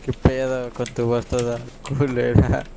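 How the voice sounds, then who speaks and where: A man's voice: medium pitch, completely flat delivery, unhurried, creaky. A man from Mexico City with a local accent, talking bluntly and profanely in casual game voice chat. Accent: Mexico City Spanish. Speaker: online game player. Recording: loud background noise with keyboard clicks.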